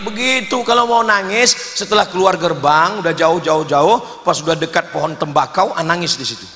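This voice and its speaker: A man preaching a humorous religious sermon, swinging between booming declarations and quiet asides and acting out little dialogues. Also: moderate pace, a little hiss or hum. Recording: echoey hall with long reverb.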